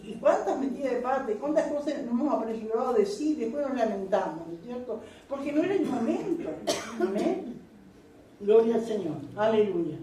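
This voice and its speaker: A woman's voice: fairly high pitch, animated, normal speed, warm tone, a little hiss or hum. A woman giving church Bible teaching, preachy and full of amens and "¿no es cierto?" asides. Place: church meeting room. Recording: echoey church room, mic far off.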